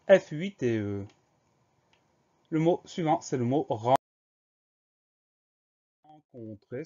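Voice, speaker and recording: A man leads a dictation lesson for students and spells each word out slowly and deliberately. His voice is dark and mellow. The recording sounds somewhat dull and lo-fi. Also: medium pitch. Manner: slow, careful letter-by-letter spelling. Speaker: teacher.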